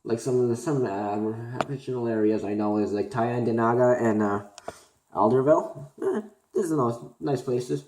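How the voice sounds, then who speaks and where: Halting young man in an echoey room. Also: medium pitch, a little mellow, slight background noise. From Korea. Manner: halting, many fillers and restarts. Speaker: student vlogger. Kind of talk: unscripted talk to camera. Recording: roomy echo.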